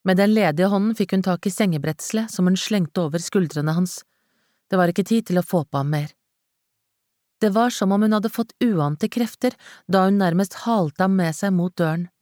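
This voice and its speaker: Woman audiobook narrator, low voice, measured dramatic reading, dry studio sound. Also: darkish tone, no echo. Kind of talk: scripted narration.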